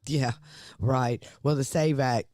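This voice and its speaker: A man's voice: mid-range voice, fairly even intonation, takes it slowly, background noise. A man, co-hosting a political talk podcast and reading news items aloud in a conversational way. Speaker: podcast co-host.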